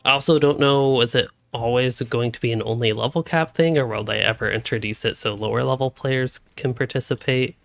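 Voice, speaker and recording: A young man streams a game from home, his mid-pitched voice carrying a gravelly rasp as he rambles and thinks out loud. Quiet music plays underneath his talk. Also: fairly even intonation, a little fast, few pauses, dry recording. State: hiccuping. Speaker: gaming streamer. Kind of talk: casual live-stream commentary while playing. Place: home room.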